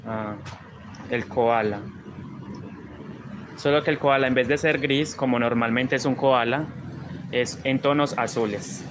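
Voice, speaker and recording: A man's voice: medium pitch, fairly even intonation, measured pace, long pauses, noisy background. A man with a Colombian paisa accent teaching crochet on a live stream, chatting and reading viewer comments as he works.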